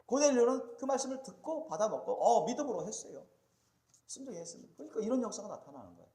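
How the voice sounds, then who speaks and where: A high-voiced male pastor preaches with a lively, sweeping pitch, rising to loud emphatic peaks and dropping to quiet asides. He keeps turning to his congregation with questions and calls for a response. The sound rings around a reverberant church sanctuary. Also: fast talker. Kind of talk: sermon.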